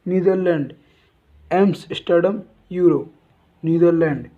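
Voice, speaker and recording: A man's voice: fairly high pitch, slow pace. A male teacher reciting a general knowledge lesson, saying each item twice like a memory drill. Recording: tinny phone-like sound.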